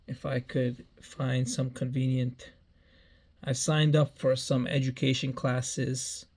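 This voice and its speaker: A man in his early thirties vlogs a meandering personal life update, often repeating himself and restarting phrases. His medium-pitched voice is flat, slow and darkish in tone.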